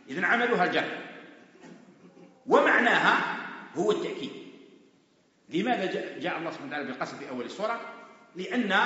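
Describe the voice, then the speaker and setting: Male religious teacher, crisp bright tone, explaining step by step, dull lo-fi recording. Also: sits high. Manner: patient explaining, repeats points with everyday examples. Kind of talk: Quran commentary lesson. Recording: echoey hall, dull lo-fi sound.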